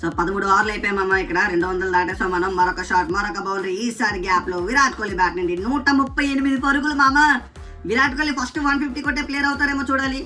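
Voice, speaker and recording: A woman giving excited, casual play-by-play commentary on a cricket video game, exclaiming and repeating phrases. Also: medium pitch, very fast, recorded from a distance, faint music behind. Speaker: gaming commentator.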